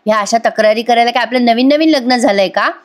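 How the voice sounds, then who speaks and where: A woman's voice: a little high, quick pace, close to an everyday voice. Woman voicing an irritated middle-aged wife. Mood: annoyed. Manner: exasperated, sharp.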